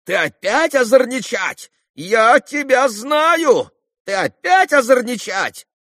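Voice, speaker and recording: A man voicing an agitated, dim-witted young clerk who keeps shouting the same words, in a storybook reading. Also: extremely high pitch, expressive, no echo, studio quality, voice pushed up, full character voice. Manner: shouting, repetitive, slow-witted.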